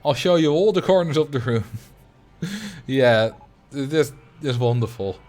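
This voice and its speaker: Against soft background music, a Drenthe-raised Dutch livestreamer chats ramblingly and casually as he streams a game, his native Dutch showing in a mild but noticeable accent. His voice is a little high, animated, unhurried, and darkish.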